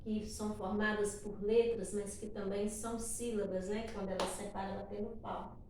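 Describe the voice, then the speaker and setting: A woman teacher with a Brazilian Portuguese accent patiently explains a classroom activity, often ending phrases with tag questions. Her voice is medium-pitched and darkish, her delivery flat and moderately paced. The distant mic picks up an echoey room and faint noise.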